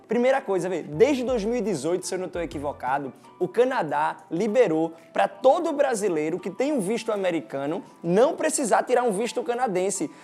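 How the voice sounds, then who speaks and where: A man with a Recife accent, presenting an informal explainer for an exchange agency and talking straight to his viewers with lively emphasis. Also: high voice. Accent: Recife, Brazilian Portuguese.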